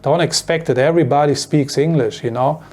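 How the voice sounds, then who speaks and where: Fairly high in pitch, fairly quick, and a little mellow, this man from Germany speaks with a strong accent from his native German. He rambles to camera in a relaxed vlog style, repeating himself and tossing in plenty of fillers and "you know" or "right?" tags.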